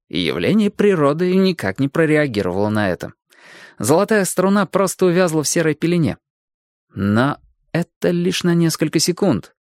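Male audiobook narrator, animated storytelling, mid pitch, dry close recording. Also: no room sound. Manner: expressive, animated reading.

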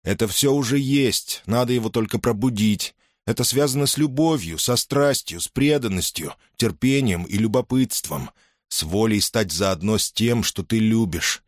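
A man's voice: lowish voice, moderate pace, no echo, lightly acted. Fervent fire-master teacher, played by a man, insistent, dry booth. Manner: insistent, chiding.

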